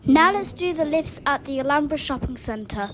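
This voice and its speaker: A woman's voice: high-pitched, lively intonation, normal speed, fairly bright tone, a little hiss or hum. A woman hosting a casual video tour, giving simple, factual commentary in short statements. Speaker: video host. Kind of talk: casual narrated lift tour. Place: inside lifts in public buildings.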